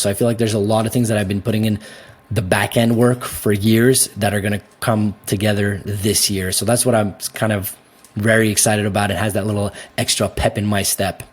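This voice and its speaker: A young Canadian man answering interview questions in a casual, animated way, laughing easily and often restarting his sentences. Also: on the low side. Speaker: guest.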